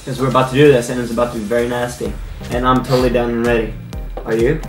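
A man's voice: mid-range voice, level tone, racing. A young man guesting on a casual vlog, playful and teasing. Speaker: guest YouTuber. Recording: echoey room from a distant mic with music.

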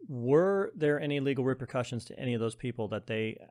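A man's voice: medium pitch, expressive, fairly quick, a little mellow. Curious man hosting an interview. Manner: curious, asks long rambling questions and corrects himself aloud. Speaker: podcast host. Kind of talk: casual interview questions.

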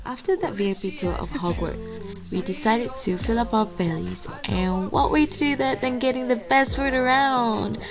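A young woman narrating her own travel vlog in a chatty, upbeat way, with a rough voice the morning after. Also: fairly high pitch, moderate pace. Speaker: vlogger, student. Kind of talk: casual vlog voice-over. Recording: music bed.

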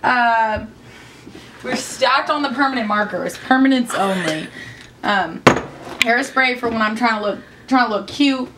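A woman's voice: a little high, moderate pace. A young woman with a bubbly, joking sorority-girl manner, giving a casual room tour on a handheld camera. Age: young adult. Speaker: vlogger. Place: small bedroom and bathroom indoors. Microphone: handheld camera at a short distance. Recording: noisy camera audio, room ambience.

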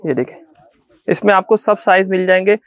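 A middle-aged man with a Pakistani Urdu accent, a shopkeeper giving a sales pitch in a small clothing shop, repeating himself insistently as he shows coats. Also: fairly quick. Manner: repetitive, insistent salesman patter.

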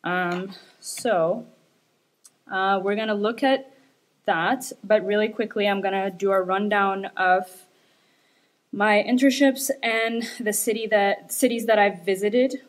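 A woman's voice: medium pitch, fairly even intonation, slow pace. A young woman from Ethiopia, a graduate student, giving an academic presentation with frequent fillers and hesitations. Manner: hesitant, many fillers, light laughs.

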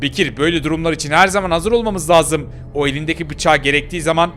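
A man's voice: a little high, fast, a bit bright, slight background noise, close to an everyday voice. A man voicing a brave, determined young girl in a game role-play, bossy and urgent as she scolds her companion.

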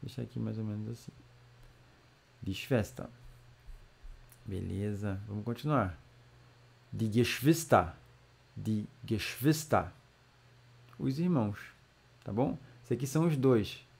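A man teaching German vocabulary in a casual lesson, drawing out each word slowly between chatty asides. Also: on the low side, vocal fry, a little mellow, breathy edge. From Brazil. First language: Portuguese. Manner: slow, drawn-out model pronunciation with chatty asides.

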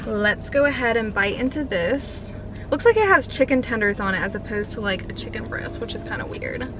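Her voice on the high side, expressive and brisk, a young food vlogger from North Carolina chats in a light Southern accent from her car. The dashboard camera catches rambling, "like"-heavy talk and a noisy background.

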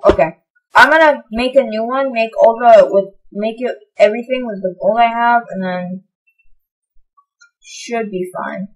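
Excitable young woman gaming commentator. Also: husky, low-quality recording. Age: young adult. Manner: excitable, bursts into high shouts of delight. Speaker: gaming channel host. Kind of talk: casual gameplay commentary.

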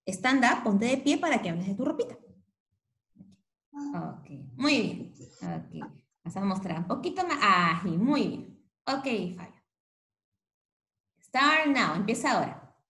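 Woman, teacher, video call, bilingual, unhurried, says "ok" often, roomy echo. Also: mid-range voice, huge pitch swings, a bit bright. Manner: switches between English and Spanish, repeats "ok" often. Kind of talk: online class instruction. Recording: echoey room.

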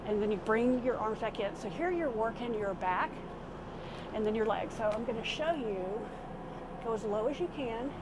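A woman with a slightly high voice leads a casual exercise demonstration. She gives informal instructions while moving through the exercises herself. The recording is made inside a small RV, with clearly audible vehicle-like background noise. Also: lively intonation, moderate pace. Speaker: fitness instructor. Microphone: camera a few steps away. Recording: clearly noisy vehicle interior sound.

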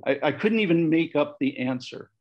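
A man's voice: a little high, expressive, moderate pace. A man on a discussion panel telling a personal story in a reflective way, shifting his voice when he quotes other people. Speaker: panel guest sharing memories. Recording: muffled lo-fi audio.

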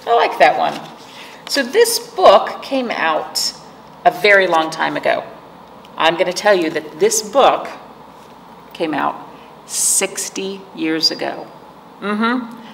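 In an indoor library room, a middle-aged children's librarian sits before a patterned wall hosting storytime, reading aloud and chatting with young listeners in simple phrases and questions. Her voice is fairly low in pitch and a bit bright, and the echoey room carries clear background noise.

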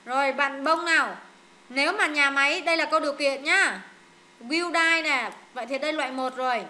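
A woman tutor with a high, bright voice runs students through exam questions. She is brisk and directive. She corrects wrong answers firmly and keeps the drill moving. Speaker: English tutor.

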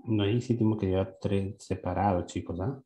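Male teacher quizzing students, mellow voice. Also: lowish voice, fairly even intonation. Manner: questioning, repeats words slowly to students. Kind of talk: classroom lesson.

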